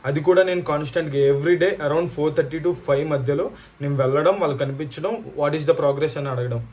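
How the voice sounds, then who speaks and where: Fairly quick, with fairly even intonation, this man's voice is fairly high in pitch yet darkish in tone. He's an Indian vlogger with a Telugu accent who casually reviews a product and tells stories to viewers, frequently blending English phrases into his Telugu.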